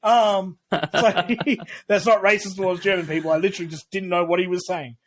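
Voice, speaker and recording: A man's voice: sits high, fairly even intonation, moderate pace, a bit bright. A man co-hosting a casual podcast, rambling through his views with frequent restarts and cheerful swearing. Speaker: podcast co-host. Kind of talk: casual chat.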